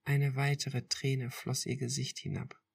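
A woman reading a first-person romance story aloud in a slow, intimate storytelling manner. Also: extremely low pitch, flat delivery, creaky, husky. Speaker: podcast reader.

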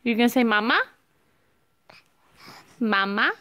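A woman's voice: fairly high pitch, animated, slow pace, sharp tone. A woman talking baby talk to her infant, coaxing and squealing praise in a sing-song voice. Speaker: mother filming her baby.

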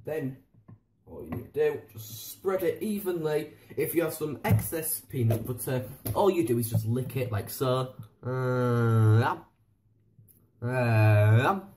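A man's voice: mid-range voice, animated, takes it slowly, noisy background. Rambling male vlogger, self-mocking how-to chatter, echoey home kitchen. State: slightly out of breath. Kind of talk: casual how-to vlog. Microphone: camera on a tripod.

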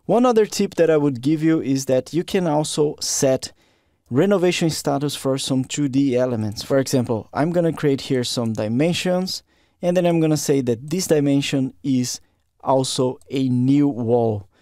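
A man gives a step-by-step software tutorial in a mellow, darker voice. He sounds close to the mic in a dry room with no echo. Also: medium pitch, moderate pace. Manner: steady step-by-step explaining. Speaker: software instructor. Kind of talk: screen-recorded software tutorial.

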